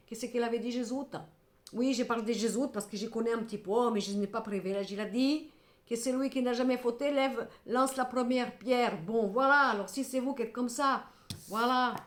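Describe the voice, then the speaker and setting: A woman's voice: fairly high pitch, fairly even intonation, moderate pace, reverberant. A middle-aged woman doing a tarot reading to camera, emphatic and repetitive, scolding and then consoling her viewers. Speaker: tarot card reader.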